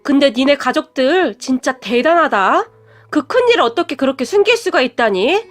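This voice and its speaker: A woman's voice: high-pitched, expressive, normal speed. A woman playing a sneering rich mother. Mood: sneering haughty. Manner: sneering, scolding, haughty. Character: rich arrogant middle-aged woman, boyfriend's mother.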